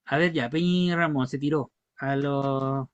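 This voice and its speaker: A man's voice: mid-range voice, steady tone, a little slow, clean tone, no room sound. A man with a Chilean accent teaching an online language class, patiently repeating words for pronunciation. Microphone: video call. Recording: dull, dry video call audio.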